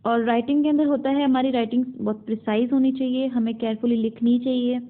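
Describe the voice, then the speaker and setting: A woman with an Indian accent teaches a syllabus topic, walking through each point and then rephrasing it. Her voice sits a little high. The sound is narrow and phone-like, as if recorded on a basic device. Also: fairly even intonation, fairly quick. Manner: explains in Hindi mixed with English terms, repeating and rephrasing. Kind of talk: explaining a university English syllabus topic.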